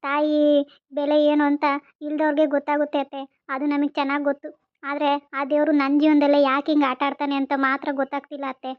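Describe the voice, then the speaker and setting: A young woman playing a patient, sorrowful wife who quietly pours out her troubles in a resigned lament, on a dull lo-fi recording. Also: high voice, monotone, a little fast, close to an everyday voice. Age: young adult.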